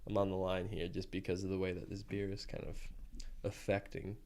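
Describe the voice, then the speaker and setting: A man talks on a casual beer-tasting podcast, pausing often and hedging with fillers. His voice sits low and deep. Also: monotone, a little mellow. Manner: hesitant, many fillers. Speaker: podcast co-host.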